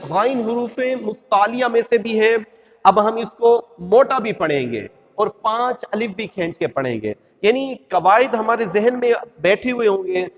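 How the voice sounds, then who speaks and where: Male Quran teacher, Pakistani Urdu accent, patient and repetitive, high voice in a reverberant room. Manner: patient, repeats rules, draws out letter sounds. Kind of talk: step-by-step recitation lesson.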